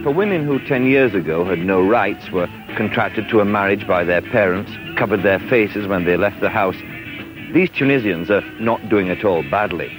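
A man narrates an old archival newsreel in a formal, slightly wry announcer's manner. His voice sits low. Loud music plays beneath the narration throughout. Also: expressive, moderate pace, rough recording. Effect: old 1960s newsreel narration played from archive. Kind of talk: 1960s newsreel commentary.

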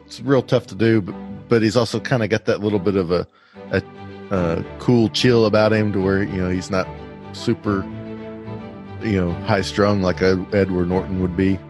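A man chatting casually and giving a joking award speech, halting and full of fillers and restarts. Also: sits low, fairly even intonation, music in the background. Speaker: podcast guest accepting a mock award.

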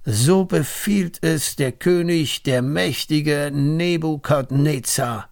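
A man voicing a king's herald in a storybook reading, proclaiming loudly. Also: on the high side, slow, creaky, pitched above the performer's own voice.

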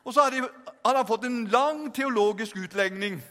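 An older male preacher giving a revival sermon, telling stories in a lively, humorous way and acting out the scenes. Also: very high-pitched. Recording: long reverb in a hall.

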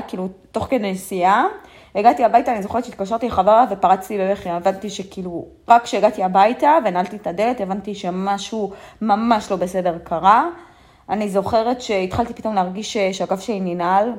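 A young woman speaking in a medium-pitched voice, giving a personal first-person account. She talks softly and haltingly, with frequent fillers and restarts. Her sentences often fade and trail away. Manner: soft and subdued, often trailing off. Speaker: guest sharing a personal story.

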